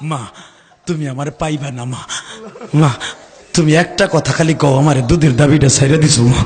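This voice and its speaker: A man's voice: high-pitched, normal speed, long reverb tail, crowd noise. A man preaching voices a young man trapped on a sinking boat, pleading with his mother in a rush.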